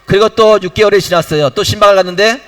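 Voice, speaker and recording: A man's voice: sits high, quick pace, a bit bright. A middle-aged man, the pastor, preaching to his church, repeating key phrases for emphasis and putting questions to the congregation. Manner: acts out short dialogues in his own voice. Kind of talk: sermon. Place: church sanctuary.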